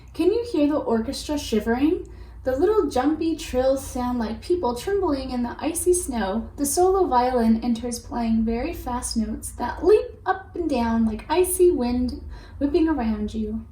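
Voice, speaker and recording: In a roomy, echoing space with faint background noise, a teacher reads a children's picture book, pausing to explain and to ask her listeners questions and give prompts. Her voice sits high, mellow and animated, and she doesn't rush.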